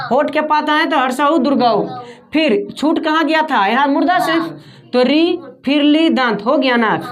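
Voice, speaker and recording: A woman teacher giving a lesson, explaining step by step and often asking whether her students follow. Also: high voice. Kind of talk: classroom lesson.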